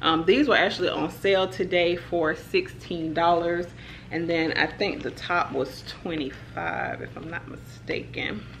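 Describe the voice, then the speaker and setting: A woman's voice: on the low side, gravelly, a little hiss or hum. Chatty young woman doing a haul. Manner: chatty, relaxed, lots of "like" and "y'all". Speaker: vlogger. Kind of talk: casual haul chat to camera.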